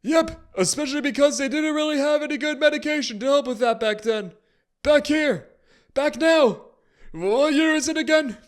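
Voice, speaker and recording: Pitched well above his own natural voice, a male performer plays an older, mad ancient human wizard who rambles shrilly, forgets what he was saying, restarts with trailing phrases and grows indignant easily. The delivery is very high-pitched at a moderate pace.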